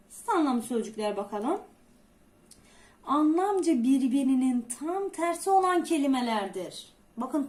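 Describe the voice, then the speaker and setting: A woman teacher explaining a lesson, asking herself rhetorical questions and answering them, with slow, stressed explanations. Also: high voice. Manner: asks many rhetorical questions. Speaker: Turkish teacher. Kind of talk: classroom lesson.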